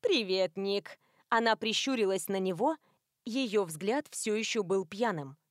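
A woman narrating a novel in an expressive, lively reading. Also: medium pitch, a little slow, dry recording, clean studio sound. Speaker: audiobook narrator. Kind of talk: scripted narration.

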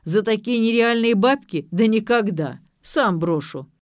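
A befuddled drunk father shouts and rambles, losing his thread, as a woman reader puts him on. His voice stays fairly low and sits close and dry in the recording. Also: takes it slowly, dry recording. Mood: indignant. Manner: loud, confused, rambling.

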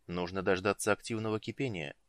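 A male audiobook narrator voicing a reserved, proud young mage who speaks curtly and calmly. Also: sits low, a little fast, no room sound, lightly acted. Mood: guarded. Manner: curt, calm, guarded. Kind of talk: audiobook reading.

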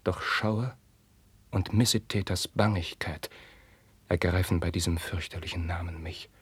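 An actor playing a young prince torn by forbidden love, declaiming classical verse with passion and dropping into hushed whispers. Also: male voice, low-pitched, fairly even intonation, unhurried, husky, no room sound, exaggerated voice. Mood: tormented. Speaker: actor in a radio play. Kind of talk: classical verse radio drama.

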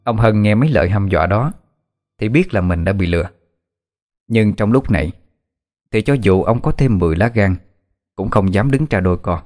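A man narrating a dark folk tale in a steady, dramatic way. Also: fairly low pitch, normal speed, pauses often. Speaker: storyteller.

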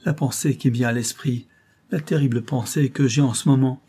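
A man's voice: mid-range voice, steady tone, brisk, warm tone, slightly rough, close to an everyday voice. A man voicing a terrified young female servant who pleads and sobs in broken outcries, reading a classic novel aloud. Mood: pleading. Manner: sobbing, beseeching, breathless outcries.

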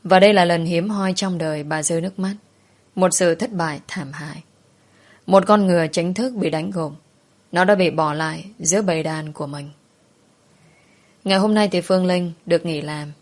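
Solemn, low-voiced woman narrator. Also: moderate pace. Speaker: storyteller. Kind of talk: scripted story narration.

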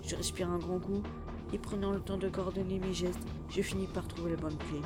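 Male narrator, high voice, tense and urgent, loud score under him. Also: steady tone, a little fast, loud music behind the voice. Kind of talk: first-person audio drama narration.

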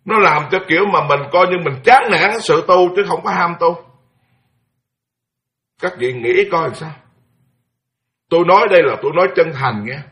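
Animated monk preaching. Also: male voice, a little high, moderate pace, pauses often. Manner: animated, exclaiming, mimics chanting for effect. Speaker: Buddhist monk giving a dharma talk. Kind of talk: sermon told as personal anecdote.

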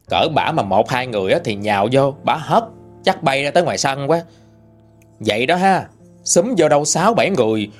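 Lively Southern Vietnamese man telling a ghost story. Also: mid-range voice. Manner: chatty, colloquial folk telling. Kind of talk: spoken ghost story narration.

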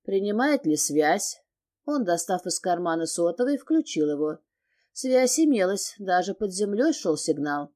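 A woman narrating an audiobook in a measured storytelling manner. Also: fairly low pitch, very animated, warm tone.

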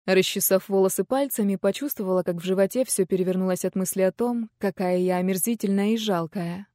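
A woman reading a first-person novel aloud in a quiet, measured, intimate way. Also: mid-range voice, dry recording, clean studio sound. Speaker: audiobook narrator. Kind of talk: first-person audiobook narration.

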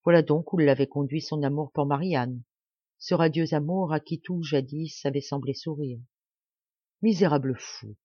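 A woman narrating a classic novel as an audiobook, with an expressive, dramatic reading style. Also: sits low, normal speed, husky, no room sound, highs cut off. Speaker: audiobook reader.

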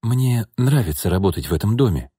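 A man voicing a calm, gentle young woman who works as a nanny in an audiobook. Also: fairly low pitch, brisk, slightly rough, no room sound, studio quality. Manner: calm, mild, reasonable.

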